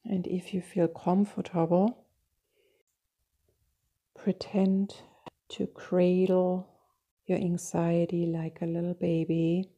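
A woman guiding a meditation in a slow, soft and soothing manner, with long pauses. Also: on the low side, little pitch movement, husky. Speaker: meditation guide. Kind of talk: guided meditation.

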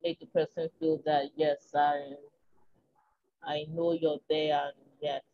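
Over background noise on a recording with the highs cut off, a Nigerian woman speaks slowly and flatly in a low-sitting, small, tiny voice. As an interview guest in a candid conversational chat, she reflects frankly, often saying um and laughing softly.

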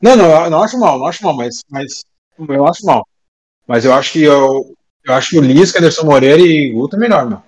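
A man's voice: a little high, expressive, quick pace, a little mellow. A man arguing emphatically in a casual football debate. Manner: emphatic, keeps adding "meu". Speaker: football pundit.

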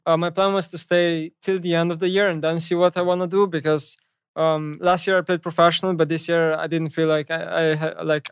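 A man's voice: fairly high pitch, clean tone, dry recording, studio quality. A young man from Slovenia with a Slovenian accent, a gamer guest chatting casually in a blunt, nonchalant way. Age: young adult. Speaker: esports pro gamer guest. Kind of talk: casual interview chat.

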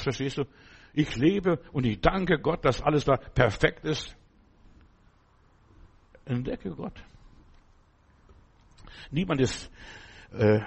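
A male pastor preaching a sermon, animated, swinging between loud bursts and low asides. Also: gravelly, husky.

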